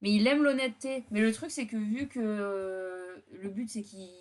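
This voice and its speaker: A woman with an average-pitched voice reads visual-novel text aloud as she plays. She breaks off from the narration for blunt, slangy remarks. Her delivery is casual and teasing, like chatting with friends over a game. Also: fairly even intonation, normal speed. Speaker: co-host reading a dating game aloud and reacting.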